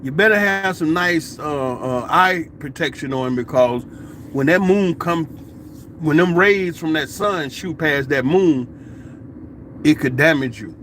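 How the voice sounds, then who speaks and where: A man talks straight to camera in a loose, colloquial monologue. He tells stories animatedly and breaks into laughing asides. His voice sits a little high, with a faint hum of noise behind it. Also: a little slow, a bit bright. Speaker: vlogger. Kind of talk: casual opinion monologue.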